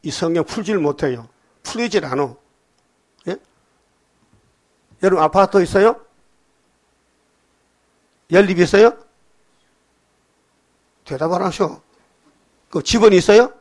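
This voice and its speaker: A man preaching a sermon in a homely, conversational way, pausing to quiz his listeners. His voice sits fairly high for a man. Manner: folksy, questioning the congregation. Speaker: pastor.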